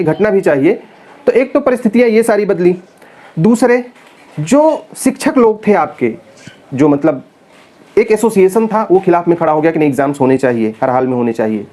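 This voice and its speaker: A male teacher with a fairly high but mellow, warm voice talks straight to his students. He is earnest and persuasive and keeps calling them children as he makes his case. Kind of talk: casual direct-to-camera talk to students.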